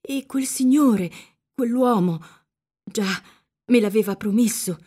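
Woman reading as a frightened young woman, timid, trembling, urgent, a little higher. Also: very animated, measured pace, warm tone, husky, heavily acted. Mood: fearful.

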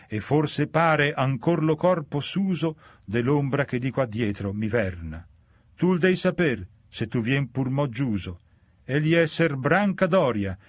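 A man's voice: fairly high pitch, dry recording, voice pushed up. A man reciting verse as a tormented male soul trapped in ice, with a raised, pleading, urgent voice.

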